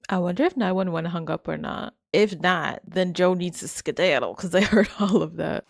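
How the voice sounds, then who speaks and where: A woman's voice: lowish voice, moderate pace, gravelly, faint music behind. A woman hosting a reaction video, talking back to the screen in blunt, profane casual commentary.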